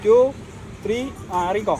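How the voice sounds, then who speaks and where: A man chatting casually and excitably as a vlogger, dropping English words into his Malayalam. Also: sits high, moderate pace, faint music behind, some chatter behind. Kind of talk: casual vlog chat with friends. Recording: noisy outdoor recording with traffic. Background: street and vehicle noise.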